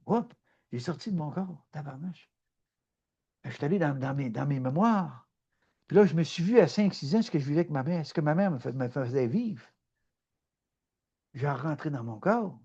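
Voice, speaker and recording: A middle-aged man with a Québécois French accent giving a spontaneous spiritual talk, animated and emphatic, often repeating himself. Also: fairly high pitch, breathy edge, muffled recording. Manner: animated, repetitive, swings between loud emphatic and soft. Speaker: spiritual speaker.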